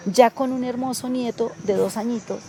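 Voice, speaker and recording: A woman's voice: on the high side, moderate pace, creaky, slight background noise. A middle-aged Colombian woman, a community leader, telling stories in an interview and acting out the dialogue. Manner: animated, acts out quoted dialogue. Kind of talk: interview storytelling.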